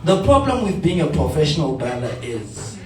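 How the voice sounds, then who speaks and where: Performing storytelling comedy on a bar stage, this young man from Namibia repeats himself and keeps laughing at his own lines in front of a live crowd. His mid-range voice swings hugely in pitch at a moderate pace. He's recorded from afar in an echoey bar with loud audience noise.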